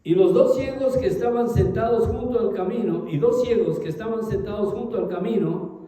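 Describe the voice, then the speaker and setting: A man preaching a sermon to his congregation, reading scripture aloud and swinging between raised calls and low, trailing phrases. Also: moderate pace, mellow, distant mic. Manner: addresses congregation as brothers, reads scripture aloud. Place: large echoey hall. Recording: very echoey hall, long reverb.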